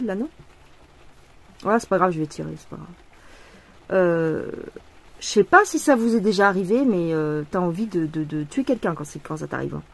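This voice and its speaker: Husky and medium-pitched, a woman chats in a casual vlog while stitching embroidery. She vents her frustration, swears, and rambles along with plenty of fillers and restarts.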